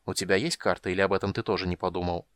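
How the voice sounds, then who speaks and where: Guy doing frail snarky wizard, cold cutting lines, low dry voice. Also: fairly even intonation, very fast, a bit bright, clear, resonant tone, dry recording. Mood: sarcastic. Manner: caustic, cutting. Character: frail sickly male mage, cold, sarcastic.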